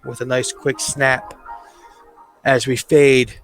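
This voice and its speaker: A man hosting a podcast, calling toy figure wrestling matches play-by-play with drawn-out match calls. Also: mid-range voice, little pitch movement, fairly bright tone, faint music behind. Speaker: podcast host and commentator.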